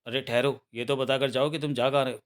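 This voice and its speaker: A man voicing a brisk male police chief in a comic book read-aloud, speaking in an official tone. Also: medium pitch, steady tone, natural voice.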